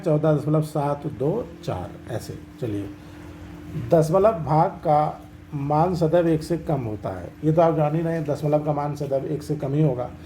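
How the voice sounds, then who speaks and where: A man with a somewhat high yet dark, mellow voice teaches a maths class. He walks through each step patiently and keeps asking his students if they have followed. A faint hiss of noise sits behind him. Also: rough recording. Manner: explains step by step, asks checking questions. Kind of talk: classroom lesson explaining decimals.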